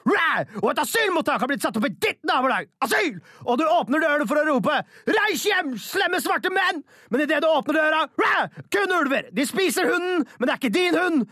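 Man doing a husky, overexcited small-town politician, high voice leaping wildly, roaring melodrama. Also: animated, few pauses, sharp tone, no echo, studio quality, exaggerated voice. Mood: frantic dramatic. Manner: wildly melodramatic, roaring animal noises and sound effects. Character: bumbling rural male politician, overzealous anti-wolf crusader. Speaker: local party leader. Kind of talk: comedy sketch, mock radio play.

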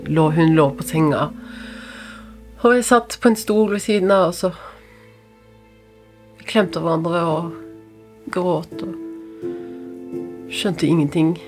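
A woman softly recalling events for a radio documentary. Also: on the low side, long pauses, soft background music. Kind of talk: personal recollection in a radio documentary.

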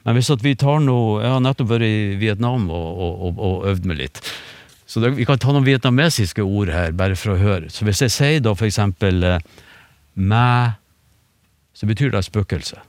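Low-voiced man explaining patiently. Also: darkish tone, no room sound. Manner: patient, explanatory, with many fillers and restarts. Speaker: language expert on a radio panel. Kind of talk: explaining on a radio talk show. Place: radio studio.

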